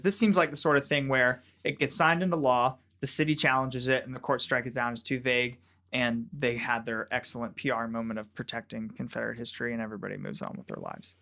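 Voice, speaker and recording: A man leads a casual panel discussion as a podcast host. His voice sits at an ordinary middle pitch. He talks in a relaxed way and thinks aloud with small fillers.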